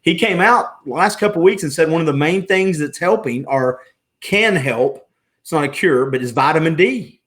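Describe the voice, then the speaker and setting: A man's voice: a little high, expressive, moderate pace, a bit bright. Rambling man hosting a casual podcast. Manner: rambling, self-interrupting. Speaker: podcast host. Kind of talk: casual interview chat.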